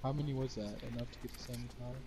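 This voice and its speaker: A man's voice: mid-range voice, steady tone, racing, warm tone, poor audio. A young man chatting during a game, giving orders and calling out his teammate. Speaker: gaming friend. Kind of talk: casual gameplay chat.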